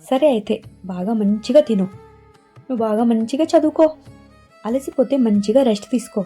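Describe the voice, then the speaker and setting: A woman's voice: a little high, normal speed, warm tone, slightly rough, faint music behind. A woman voicing a teasing, coaxing young man who playfully soothes his girlfriend.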